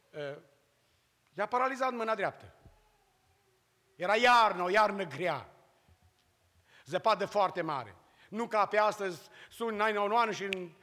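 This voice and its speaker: Male preacher, bright tense voice, high pitch, impassioned, loud cries and hushed storytelling, long reverb. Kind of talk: sermon with a testimony.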